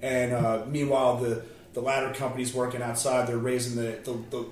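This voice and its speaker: A man of middle pitch tells a story in loose, rambling conversation and fills the gaps with "uh" and "you know." He is a firefighter, and he sits back from the mic. A big echo hangs around his voice. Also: little pitch movement, fairly quick, a little mellow, slight background noise. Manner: rambling, many fillers and restarts. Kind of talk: casual storytelling. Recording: very roomy, distant from the mic.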